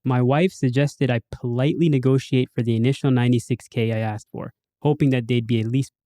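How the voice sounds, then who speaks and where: A man's voice: medium pitch, steady tone, brisk, dark tone, no room sound, studio quality. A man hosting a podcast in casual chat, reading listener posts aloud and putting on a bigger host voice for sign-offs.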